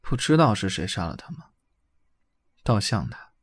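Uncanny young shadow double, softly coaxing. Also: male voice, lowish voice, very animated, normal speed. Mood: quiet, questioning. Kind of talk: audiobook drama acting.

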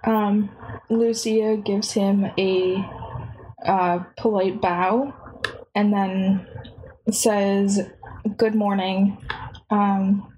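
A woman playing in a tabletop game, calm and polite. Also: mid-range voice, extremely slow, pauses often, slight background noise, rough recording. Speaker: player.

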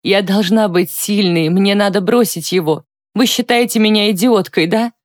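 A woman's voice: mid-range voice, normal speed, no echo, clean studio sound, natural voice. A woman voicing a distressed, tearful woman near forty who speaks in a trembling voice. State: crying, trembling voice.

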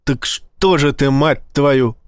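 A blustering, foul-mouthed police vice-admiral, put on by a man reading aloud, snapping and yelling in a raised, strained voice. The delivery is dry and close, with no room around it. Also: medium pitch, slow pace, smooth, no room sound, close to an everyday voice. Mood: agitated. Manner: loud, agitated, cursing outbursts. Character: hot-tempered swearing male police vice-admiral.

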